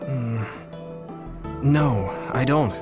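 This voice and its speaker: An actor voices an earnest, thoughtful young male soldier hero in an English-language video game, delivering dramatic dialogue sincerely in a reflective, resolute mood. His medium-pitched voice is extremely slow and plays over loud music.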